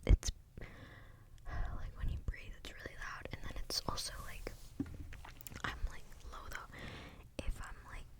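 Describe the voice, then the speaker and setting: A young woman gives a rambling, unscripted ASMR talk in a breathy, clicky whisper, very close to the mic as if right in your ear. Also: takes it slowly, pauses often. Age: young adult. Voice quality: breathy, unvoiced whisper with clicky mouth sounds. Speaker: ASMR video creator. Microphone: close microphone without cover.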